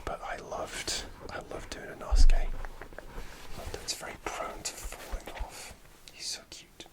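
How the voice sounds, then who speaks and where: The speaker is a male ASMR creator who whispers a hesitant, rambling story with his mouth close to the microphone. He restarts frequently, and his pace is a touch slow.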